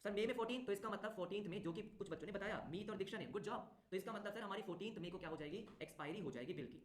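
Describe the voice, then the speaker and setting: A male tutor teaching an online class, talking briskly, repeating phrases and urging students to answer quickly. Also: high-pitched. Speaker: commerce exam tutor. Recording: roomy echo.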